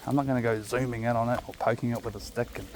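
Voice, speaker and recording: Using a chest-mounted camera on outdoor park trails, a man with a New Zealand accent walks his dog and chats in a casual, rambling monologue to viewers, relaxed and full of jokey asides. His medium-pitched voice is darkish, fairly even in intonation, and very fast, with a little hiss or hum in the recording.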